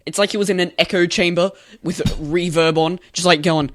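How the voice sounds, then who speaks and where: A man's voice: high voice, steady tone, brisk, fairly bright tone. A young man co-hosting a casual podcast, teasing and sardonic. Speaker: podcast co-host. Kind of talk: casual chat.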